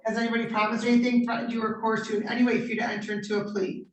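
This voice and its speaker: A woman judge conducting formal court proceedings in measured, procedural questions, heard on a courtroom recording. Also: fairly high pitch, flat delivery, a little hiss or hum. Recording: roomy courtroom audio from a distant mic.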